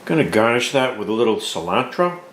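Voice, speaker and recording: A man hosting a cooking video, chatting in a folksy, relaxed way while tasting his food. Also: mid-range voice, a little fast, a little hiss or hum. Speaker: cooking show host. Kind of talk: casual cooking vlog chat. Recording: roomy with faint clatter.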